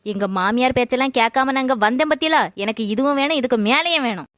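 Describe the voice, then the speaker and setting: A woman's voice: sits high, quick pace, fairly bright tone, no echo, clean studio sound. A woman playing a fiery young daughter-in-law. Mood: angry. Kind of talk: comedy skit acting.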